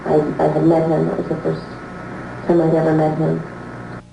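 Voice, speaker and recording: A woman giving testimony hesitantly, with many pauses and fillers, played from a worn videotape copy. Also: low voice, completely flat delivery, creaky. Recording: roomy, hissy worn videotape.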